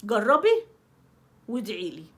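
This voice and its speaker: A woman with an Egyptian Arabic accent hosting a self-help talk for women, in her middle years. She sounds emphatic and animated, with a somewhat high voice that swings widely in pitch. She keeps repeating her key phrases and acts out small examples as she talks. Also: a little slow. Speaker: self-help video host. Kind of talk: advice talk to women viewers.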